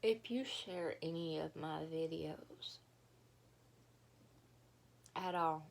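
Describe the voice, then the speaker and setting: A woman's voice: sits low, extremely slow, creaky. A tired, unwell-sounding woman, chatting casually and hesitantly to viewers in a rambling way, recorded on a phone. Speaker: mukbang vlogger. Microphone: phone camera.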